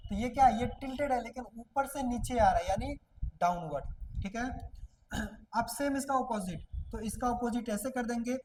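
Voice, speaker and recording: A woman's voice: a little high, darkish tone, a little hiss or hum, low-quality recording. A woman teaching a shorthand class, who explains step by step and often asks a question and answers it herself. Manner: repeats questions and answers them herself, drawn-out words.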